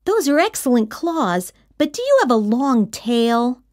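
Woman as a picky, high-pitched, bold kid. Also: sing-song, unhurried, a little mellow, no room sound, studio quality. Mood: blunt, picky. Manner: blunt, matter-of-fact. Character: young child, picky, bold, hard to scare.

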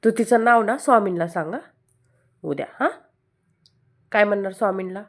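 A woman with a Marathi accent talking to her small children at home, coaxing them to sleep with playful scolding and soft repeated words. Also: mid-range voice, normal speed. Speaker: mother filming her children. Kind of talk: casual home vlog, talking to babies.

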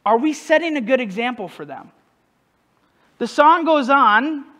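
A man's voice: very high voice, expressive, measured pace, pushed and bright. A male pastor preaching a casual sermon, conversational and self-deprecating, who often puts questions to the congregation. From northern United States.

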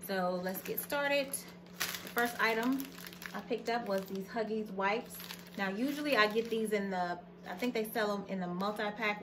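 An American woman with a medium-pitched voice presents items to her viewers in a casual, folksy product haul chat to camera, like a vlogger. The home recording, captured by a camera mic in a plain room, has clear background noise.

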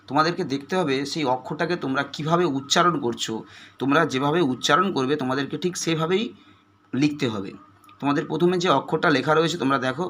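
A man's voice: a little high, sharp tone. A man teaching an exam-prep lesson, patiently breaking words into single sounds, with a West Bengal Bengali accent.

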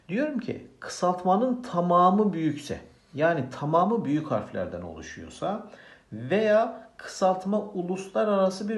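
A man's voice: high-pitched, echoey room. A man teaching a grammar lesson, asking questions and answering them himself.

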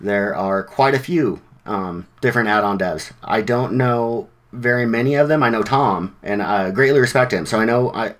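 A man's voice: on the low side, moderate pace, hardly any pauses. Man giving a casual meetup talk. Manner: conversational, with many fillers and restarts; informal slang. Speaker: web developer giving a meetup presentation. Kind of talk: casual presentation.

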